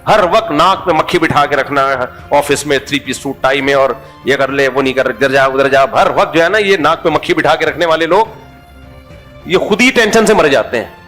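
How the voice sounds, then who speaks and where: A man's voice: a little high, fairly bright tone, soft background music. A middle-aged man with a Pakistani Urdu accent gives a sermon in a joking, conversational way, often putting questions to his audience. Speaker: Islamic preacher.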